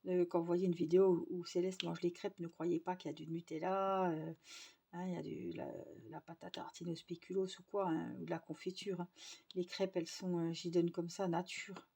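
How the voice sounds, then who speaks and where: A woman's voice: fairly low pitch, flat delivery, a little fast, gravelly, warm tone, husky. A young woman chatting casually to her viewers, rambling with lots of fillers and restarts. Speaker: vlogger.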